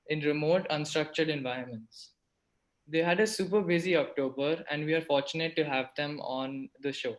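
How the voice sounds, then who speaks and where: A man hosting a talk series, reading a formal scripted introduction and then asking his guests questions. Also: fairly high pitch. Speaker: podcast host.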